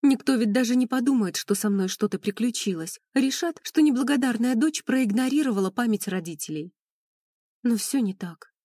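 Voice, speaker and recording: Mellow-voiced woman narrating an audiobook. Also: on the high side, animated, moderate pace, no room sound, studio quality. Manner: emotional, mournful reading. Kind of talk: first-person audiobook narration.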